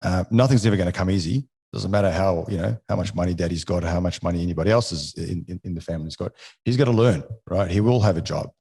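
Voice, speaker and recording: A man in his forties from Egypt, French being his first language, speaks fast in a low, gravelly, husky voice with a dark tone. As a podcast guest in a casual interview, he often restarts sentences and tends to end them with "right?".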